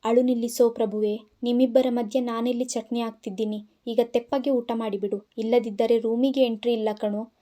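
Give me a teasing, exasperated young husband from an audio storybook, as a woman narrator puts him on, pleading and scolding in a mellow, slightly high voice. The reading stays close to her own voice. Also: steady tone, a little fast, close to an everyday voice.

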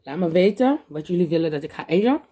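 A woman's voice: fairly low pitch, expressive, fast talker, mellow, husky. Fields: woman, fingers in mouth, Afrikaans accent. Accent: Afrikaans-tinged. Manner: chatty, eats and talks, addresses viewers. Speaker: mukbang vlogger. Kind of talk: casual eating vlog chat.

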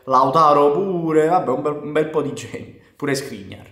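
A man's voice: fairly high pitch, measured pace, fairly bright tone, roomy sound. A young man from Naples with a Neapolitan accent, giving casual interview answers. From Naples, Italy. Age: young adult. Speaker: interviewee, football fan.

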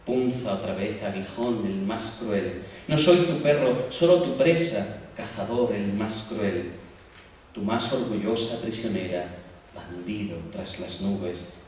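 Man reciting as a tormented mythic woman, impassioned cries, low voice, far-off mic in a big hall. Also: slow pace. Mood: anguished. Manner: impassioned, swings from hushed to loud cries. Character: anguished mythic woman lamenting a cruel god. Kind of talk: dramatic poetry recitation. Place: large university hall. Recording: echoey hall, distant mic, faint hiss.

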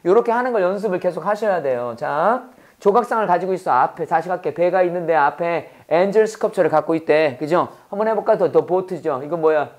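A man teaching an English lesson in casual classroom style. He keeps asking questions and answering them himself, and he reads English phrases slowly and deliberately. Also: sits high.

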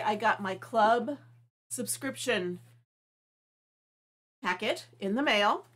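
A middle-aged woman with a medium, slightly bright voice hosts a live craft demo from her home craft room. She's chatty and friendly, rambling and restarting her sentences, while sniffling through a stuffy, allergy-clogged nose.

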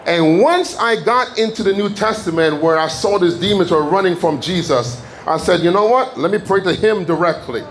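A man from Jamaica preaching in a church, giving a fervent testimony that builds to shouted declarations. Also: high-pitched, lively intonation, moderate pace, few pauses. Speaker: guest preacher. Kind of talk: sermon testimony. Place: church sanctuary.

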